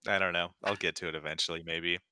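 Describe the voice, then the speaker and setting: A man's voice: sits low, steady tone, quick pace, bright, forceful tone, clean tone. A young man co-hosting a gaming podcast in casual chat, rambling and fumbling for names. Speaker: podcast co-host.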